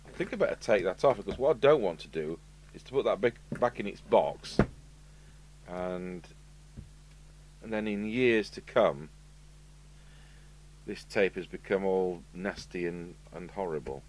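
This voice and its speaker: Pausing often and speaking a little slowly in a voice that sits low, an English radio repairer from the UK hosts an unscripted video, rambling with asides as he demonstrates. The recording is rough, carrying a steady hum and background noise.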